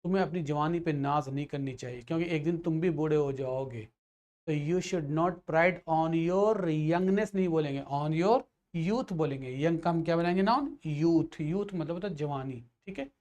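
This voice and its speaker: A man's voice: a little high, brisk, a little mellow. Hindi-speaking male grammar teacher. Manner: explains patiently, repeats checks like "theek hai"; mixes English phrases into Hindi. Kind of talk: grammar lesson for exam students.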